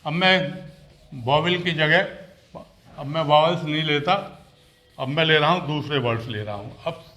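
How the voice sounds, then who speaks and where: A man's voice: a little high, moderate pace, bright, forceful tone. A man teaching phonics to parents step by step, asking questions and repeating and stretching out words to show their sounds. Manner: explains step by step with many questions.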